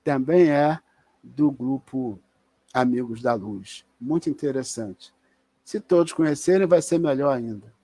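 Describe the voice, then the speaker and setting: A man's voice: mid-range voice, measured pace, mellow, no room sound. A man with a Brazilian Portuguese accent giving an online spiritist lecture in a conversational, explanatory way, with restarts and tag questions.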